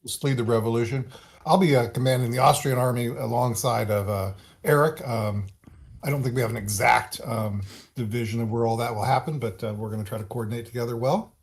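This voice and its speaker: A man playing a tabletop wargame, chatting casually with a wry, halting delivery. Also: medium pitch, steady tone. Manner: halting, many fillers, wry. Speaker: player. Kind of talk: casual chat.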